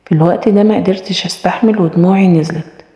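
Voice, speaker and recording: A woman's voice: fairly low pitch, fairly even intonation, quick pace, warm tone. A woman with an Egyptian Arabic accent narrating a first-person story, reading every character in her own voice. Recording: echoey room with long reverb.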